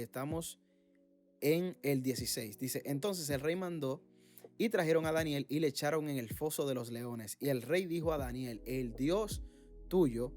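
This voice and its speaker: A man leading an informal Bible study, reading passages aloud and explaining them with frequent fillers and pauses. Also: mid-range voice, darkish tone. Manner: reads scripture aloud, then explains it with many fillers.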